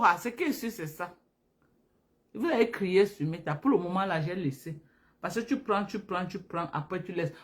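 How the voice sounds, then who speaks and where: Femme, camerounais, ton de live décontracté, répète pour insister, voix médiane. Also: female voice, mid-range voice. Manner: animated, repetitive, emphatic, addresses viewers directly. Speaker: live-stream presenter. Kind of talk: casual live-stream talk to viewers.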